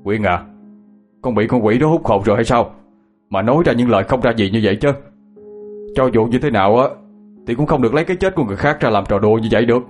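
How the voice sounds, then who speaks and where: A man voicing a stern older father, scolding loudly. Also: mid-range voice, expressive, fast, long pauses, soft background music, close to an everyday voice. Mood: angry. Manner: loud scolding.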